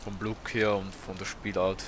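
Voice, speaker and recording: A man's voice: sits low, little pitch movement, moderate pace, background noise. A man, casually commentating a video game as a let's play host, hesitant and full of fillers. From Austria. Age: 30s. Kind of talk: gameplay commentary.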